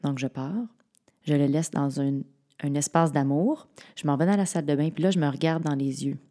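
A Québécois woman with a notably low, dark voice chats casually as a co-host, sharing stories from her own family life. She talks with frequent fillers and small pauses as she works out her thoughts. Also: fairly even intonation. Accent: Québécois French. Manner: shares personal family anecdotes with many fillers. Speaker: podcast co-host and mother. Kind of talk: casual chat.

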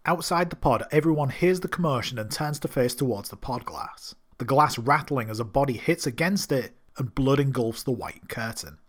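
A man's voice: mid-range voice, expressive, moderate pace, few pauses. A man narrating a scripted recap of a TV drama episode, enthusiastic with wry asides. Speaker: TV series recap host.

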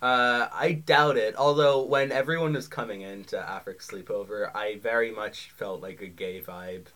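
A man's voice: lowish voice, fairly even intonation, normal speed, a bit bright. A young man co-hosting a podcast, chatting casually and rambling off on tangents. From Ireland. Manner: rambling, full of restarts and tangents. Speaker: podcast co-host. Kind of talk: casual chat.

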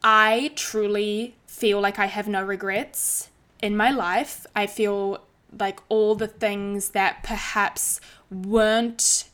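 A woman's voice: mid-range voice, steady tone, takes it slowly, fairly bright tone, clear, resonant tone. A woman hosting a casual solo podcast, chatting in an informal, sweary, playfully dramatic way with rain behind her. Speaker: podcast host. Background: heavy rain.

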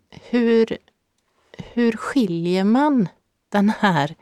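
A woman's voice: medium pitch, dark tone, dry recording, clean studio sound. A woman interviewer asking questions in a hesitant way, searching for words.

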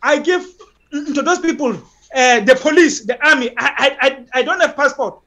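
A South African man giving impassioned interview talk as an activist guest, halting, emphatic and often repeating himself. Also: very high-pitched, pushed and bright.

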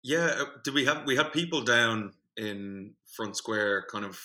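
A young man telling a story in a casual podcast chat, rambling and animated, with many fillers and restarts. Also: medium pitch, a little slow, poor audio. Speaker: podcast co-host, singing group organiser.

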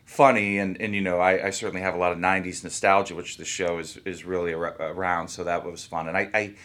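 A man who is an actor, talking about his work in a relaxed, rambling interview. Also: low voice, fast. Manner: easygoing, rambling, thinks aloud. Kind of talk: casual interview talk.

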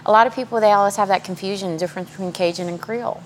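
A blunt, straightforward woman, chatting casually on a panel about her cooking. She laughs easily, and her voice sits at a middle pitch. A faint hum of room ambience is underneath. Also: racing. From South Mississippi. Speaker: Cajun restaurant chef.

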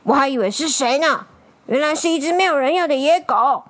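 A woman voicing a mean, drunken old man who shouts and scolds. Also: high voice, lively intonation, a little fast. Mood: angry.

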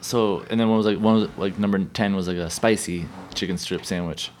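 A man's voice: sits low, steady tone, a little fast, darkish tone, slight background noise. A man telling rambling anecdotes in casual podcast talk, acting out the people in them. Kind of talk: casual chat, storytelling.

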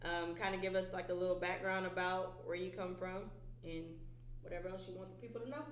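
A woman co-hosting an interview, asking questions in a relaxed way with lots of fillers. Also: on the low side, brisk, a little hiss or hum. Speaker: podcast co-host. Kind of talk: casual interview chat. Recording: roomy echo.

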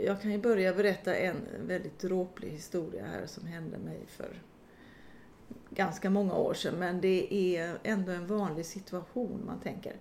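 Middle-aged woman, podcast co-host, lively storyteller who laughs and swears easily. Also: on the low side, slight background noise. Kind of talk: casual chat and storytelling.

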